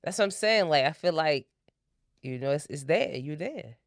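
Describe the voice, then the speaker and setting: A woman's voice: deep voice, animated, normal speed, dry recording, studio quality. A woman in her thirties hosting a podcast, telling stories in a laid-back, slangy way. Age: 30s. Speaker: podcast host. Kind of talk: casual chat.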